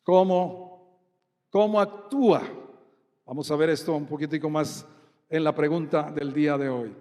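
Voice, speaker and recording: A Colombian man preaching a sermon with a fairly high voice and an unhurried delivery. He keeps asking his congregation questions. His voice rings out with a long reverb in a church hall. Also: a little mellow. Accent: Colombian Spanish. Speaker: pastor.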